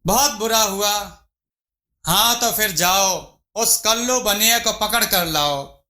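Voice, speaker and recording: A man's voice: sits high, takes it slowly, pushed and bright, full character voice. A man voicing a foolish, bossy king who gives commands, in an echoey room. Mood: commanding.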